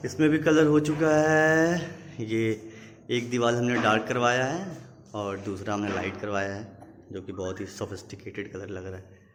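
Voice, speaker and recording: A man's voice: fairly low pitch, normal speed, background noise. A young man casually vlogging at home, talking to the camera as he walks from room to room. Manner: chatty, playful baby talk with a child. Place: home indoors.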